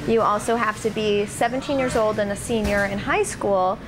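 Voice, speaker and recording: A woman's voice: mid-range voice, normal speed, music in the background. A young woman giving poised, explanatory pageant answers in an interview. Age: young adult. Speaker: pageant titleholder being interviewed. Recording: noisy room ambience.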